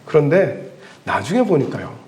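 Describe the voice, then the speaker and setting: In church, a male pastor preaches a sermon, telling the story with animated delivery and dramatic pauses. His voice is a little high.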